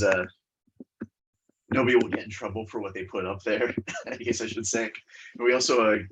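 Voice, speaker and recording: Low-ish voiced guy presenting on a video call, stuffy and congested, lots of uhs. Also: poor audio. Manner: hesitant, many fillers and restarts. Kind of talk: webinar presentation and Q&A.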